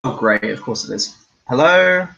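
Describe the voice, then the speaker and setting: A man with a mid-range voice chats in an easygoing, unhurried way during a tabletop game. He comes through an online group voice call, and the audio drops out now and then. The sound is dull and lo-fi. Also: medium pitch, expressive, creaky, pushed and bright. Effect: online voice chat, audio cutting out. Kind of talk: casual group voice chat.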